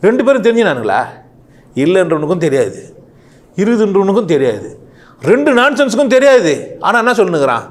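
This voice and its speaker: Animated man. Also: high-pitched, fast talker. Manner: animated, rhetorical questions, rising and falling sharply. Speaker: speaker. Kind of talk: impassioned monologue.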